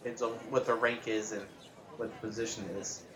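A man playing a tabletop game, speaking in character in a measured, matter-of-fact way. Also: on the low side, level tone, a little hiss or hum. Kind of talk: casual in-character talk.

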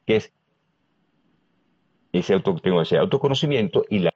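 Lively Venezuelan man with a husky voice. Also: low voice, moderate pace, no echo, highs cut off. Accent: Venezuelan Spanish. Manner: lively, asks many rhetorical questions. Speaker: guest speaker on emotional intelligence. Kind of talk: animated explanatory talk with rhetorical questions.

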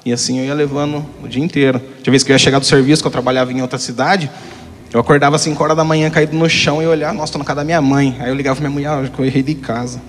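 A young man, a guest, gives a candid personal testimony, rambling frankly and tossing in frequent tag questions. His mid-range voice barely moves in pitch and comes out rapid-fire. There is hall reverb and slight background noise.

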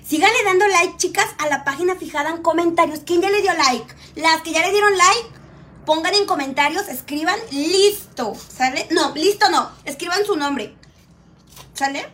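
On a live stream from home, a woman chats casually while eating a meal, reading viewer comments aloud and tending a small child. Her voice is extremely high and a bit bright, at a moderate pace.

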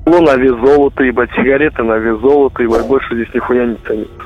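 A young man from Russia talks like a soldier phoning home, casual and constantly cursing. His voice comes over a radio-like intercepted line, muffled and very narrow in band. He vents in a loose chat style at a middle pitch. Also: steady tone, fast talker. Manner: constant heavy swearing. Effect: voice heard over a radio-like phone intercept. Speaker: soldier calling home from the front. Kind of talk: casual phone chat, venting.

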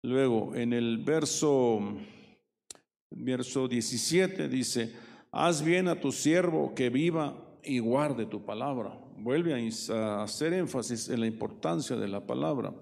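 A man's voice: medium pitch, slow, gravelly, a little mellow. A man preaching a Bible study sermon, reading verses aloud and explaining them, often adding tag questions and correcting himself mid-phrase. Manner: frequent tag questions and self-corrections, leans into quoted verses. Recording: reverberant hall.

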